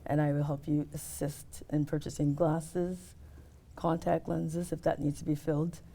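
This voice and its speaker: A middle-aged woman talking casually in an interview about her work as an optician, explaining step by step with many pauses. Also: low voice, little pitch movement, mellow. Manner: explains step by step, hesitant fillers.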